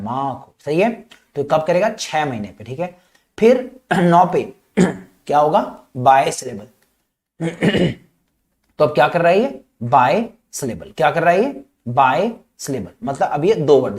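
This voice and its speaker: A man with an Indian English accent giving a revision lecture, drilling points with repeated questions and clearing his throat often. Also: a little high. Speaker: medical lecturer.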